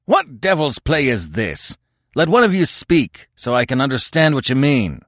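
A man's voice: lowish voice, wildly swooping pitch, unhurried, fairly bright tone, no room sound, studio quality, heavily acted. A man voicing a bold, blunt barbarian leader in an adventure storybook, bellowing with exasperation. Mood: exasperated. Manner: roaring, bellowing, commanding.

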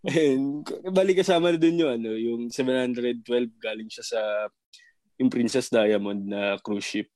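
A man chats as a guest over a video call from home. His voice sits mid-range and sounds dry and close, with no room around it. He talks in a relaxed, hesitant way, full of fillers, and often laughs. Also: mid-range voice, unhurried, no echo. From Japan. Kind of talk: casual video-call chat. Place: home in Japan.

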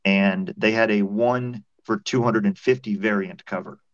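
A man's voice: on the low side, fairly even intonation, unhurried, dry recording. A man on a video call in a casual podcast debate, explaining his points step by step. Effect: heard over a video call. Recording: dull, dry video call audio.

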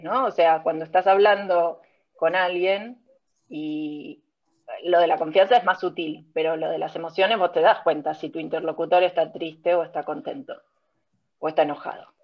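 Rioplatense woman researcher, explains slow and clear w examples, kinda muffled lo-fi audio. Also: on the low side. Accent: Rioplatense Spanish. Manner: patient, explains step by step with examples. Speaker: speech technology researcher. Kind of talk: explanatory interview talk. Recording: dull lo-fi sound.

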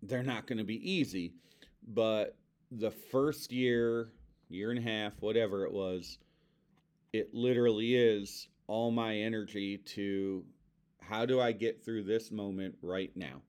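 A man's voice: on the low side, fairly even intonation, unhurried, smooth. A man co-hosting a podcast, a bereaved father talking earnestly and reflectively about grief. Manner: earnest, reflective, speaks softly of his son.

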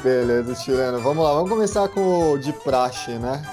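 A man's voice: medium pitch, lively intonation, normal speed, over music. A man hosting a casual podcast, interviewing a guest in a playful, teasing way. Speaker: podcast host.

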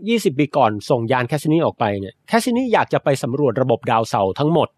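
A young man from Thailand talks through science news in a relaxed, chatty podcast manner. His voice sits a bit high and sounds dry and close to the mic, with little room around it. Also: fairly quick, dry recording. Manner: explanatory, chatty, adds polite particles. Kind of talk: casual science chat.

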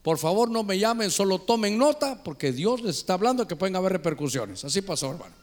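A man's voice: high voice, very animated, fast talker. An older man preaching a sermon as pastor, telling stories and calling the listeners brother.

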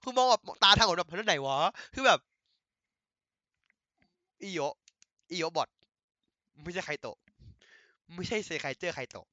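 Excitable Thai-speaking man, bright and lively. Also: sits high, measured pace, long pauses, dry recording, dull audio. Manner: excitable, laughing, crude slang, many restarts. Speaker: anime recap host. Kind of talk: casual retelling of an anime episode.

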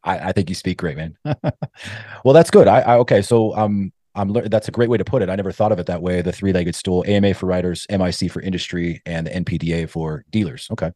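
Male podcast host, very low and dark-toned, asks long rambling questions, affirming. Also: quick pace, no echo, clean studio sound. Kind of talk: casual interview.

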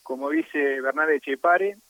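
A man's voice: fairly high pitch, measured pace, bright, forceful tone, no echo, rough recording. A man speaking as a radio guest, explaining at length with hesitant fillers. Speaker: radio guest on Basque culture.

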